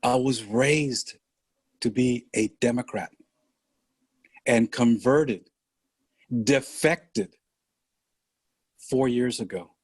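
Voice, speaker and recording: An older man from San Francisco, a podcast guest telling his story slowly and deliberately over a video call. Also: mid-range voice, husky, dry recording. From San Francisco, USA. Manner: slow, deliberate storytelling with pauses. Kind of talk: conversational interview.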